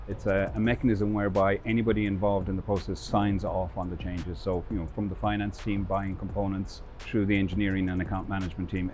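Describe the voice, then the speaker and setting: A man's voice: deep voice, a little mellow. A man, a process engineer explaining his work conversationally. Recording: background music under voice.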